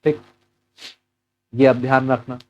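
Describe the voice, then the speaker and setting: A man's voice: mid-range voice, little pitch movement, slow, darkish tone, dull audio. A man walking through a physics exam problem as a teacher, mixing Hindi with English terms and asking and answering his own questions.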